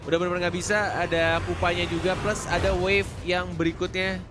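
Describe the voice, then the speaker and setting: High-voiced male esports match announcer. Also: flat delivery, a little fast. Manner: conversational, analytical play-by-play. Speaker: esports shoutcaster, analyst. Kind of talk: live mobile game match commentary, fighting game announcer style. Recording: music behind the voice. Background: music.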